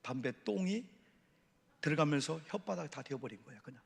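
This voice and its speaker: A man preaching a Bible-study sermon as pastor, telling lively anecdotes and sometimes dropping to a hushed aside. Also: on the high side, fairly quick, creaky, breathy edge. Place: church sanctuary. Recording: long hall reverb.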